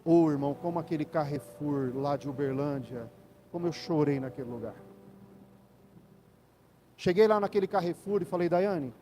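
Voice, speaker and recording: A man's voice: on the high side, moderate pace, pauses often, warm tone. A man with a Brazilian Portuguese accent preaching in church, telling a personal story and addressing the congregation as brothers. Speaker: pastor. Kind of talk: sermon testimony.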